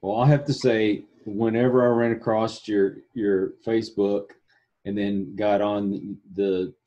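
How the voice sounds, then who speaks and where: A man chatting casually as an interviewer, informal and animated, acting out his reactions. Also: on the low side, measured pace, lo-fi sound. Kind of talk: casual chat.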